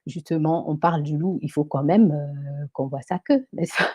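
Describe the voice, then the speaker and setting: Motivational woman host, mellow and dry. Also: low-pitched, normal speed, no echo. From Africa. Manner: emphatic, repetitive, motivational, mixes in English phrases. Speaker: live show host and coach. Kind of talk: live stream monologue. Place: France.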